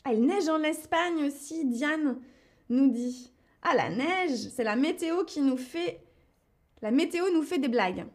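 A woman hosting a live lesson, speaking slowly and clearly and putting questions to her viewers. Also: high voice, lively intonation, darkish tone. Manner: slow and deliberate, asks the audience questions. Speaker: host of a live French-learning stream.

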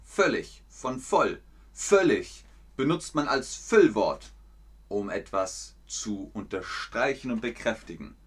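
A man giving a livestream language lesson, speaking slowly and deliberately, with his pitch swinging up and down expressively. He repeats each word several times and turns to chat with viewers in between. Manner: slow, clear, repetitive teaching with frequent laughs; chats with viewers. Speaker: German teacher.

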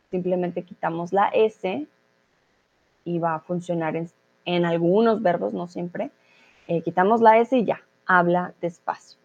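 A woman's voice: mid-range voice, darkish tone, dull audio. A woman teaching a Spanish grammar lesson online, explaining patiently and often checking in with her students.

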